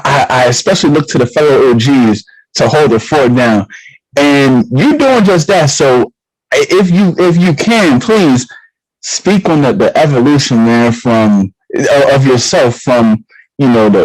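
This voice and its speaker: A man hosting an online league talk show, talking in an animated, slangy way and repeating himself as he builds hype. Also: mid-range voice, no room sound, rough recording. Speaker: show host.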